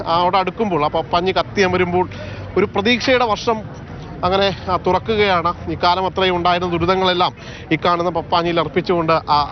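A man with a Kerala accent reporting live as a TV field reporter, pausing often on drawn-out fillers. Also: high-pitched. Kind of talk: live news report and street interviews. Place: outdoors at a festival ground. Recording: dull outdoor audio, loud street noise.

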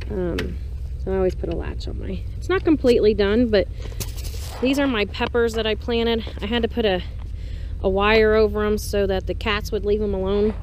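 A woman vlogger, medium-pitched with a darkish tone, gives a chatty, casual tour of her garden, pausing between short phrases as she moves through a small greenhouse and open farm garden outdoors. It's recorded on a handheld or worn action camera's built-in mic, with clear ambient outdoor background noise.

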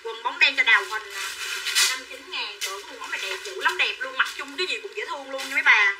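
A high-voiced woman with lively intonation talks fast in a pushed, bright way as she sells clothes on a livestream. Chattily naming prices and buyers, she coaxes her audience to purchase, heard through a distant mic with faint background noise.

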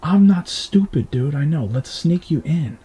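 Young male vlogger, higher voice with lots of pitch movement, mostly whispering, hushed and urgent. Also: expressive, measured pace, slightly rough. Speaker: vlogger host. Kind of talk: casual vlog, sneaking around. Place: RV and yard at night.

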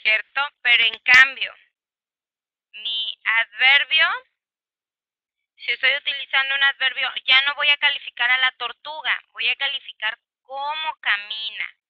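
A woman with a Mexican Spanish accent speaks unhurriedly in a high-pitched voice, in a dry recording with the highs cut off. She is teaching an English grammar class, patiently explaining with many examples and alternating between Spanish and English.

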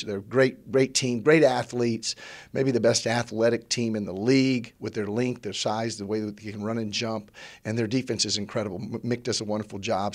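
Middle-aged male coach, lowish voice, measured post-game answers, handheld mic. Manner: measured, repeats words when starting phrases. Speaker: head basketball coach. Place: press backdrop at an arena. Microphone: handheld mic held by interviewer.

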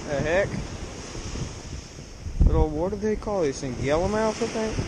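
Man muttering over loud beach wind. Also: high-pitched, expressive. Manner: muttering to himself, quick reactions. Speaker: angler filming his fishing trip. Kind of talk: casual running commentary. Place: windy ocean beach outdoors. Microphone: action camera at chest height. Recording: loud wind noise on the mic. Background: surf and wind.

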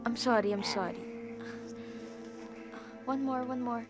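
A high voice of a concerned Filipino wife in a film drama. She fusses and gives orders, slipping English phrases into her talk, while music plays clearly behind her. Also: takes it slowly. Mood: apologetic, soothing. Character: concerned wife, bossy with her maid, patient with husband.

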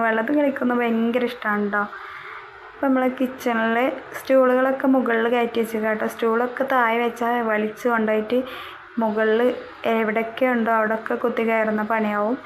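A young woman talks through her daily chores in a relaxed, chatty voice-over, her voice sitting a little high. She keeps tagging a small word onto the end of her sentences. A faint household hum sits behind her. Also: fast talker, rough recording. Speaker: vlogger.

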